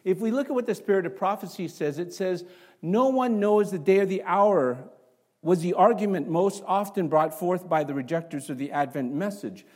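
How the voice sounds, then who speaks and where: Animated male pastor preaching a sermon. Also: high-pitched, normal speed. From Canada. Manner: animated, asks the congregation rhetorical questions. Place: church.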